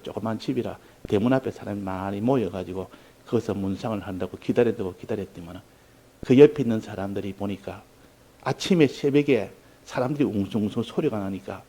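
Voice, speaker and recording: A man preaching a sermon, telling a story in an earnest way, with sudden loud emphasis. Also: fairly low pitch, poor audio. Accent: Korean. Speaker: pastor.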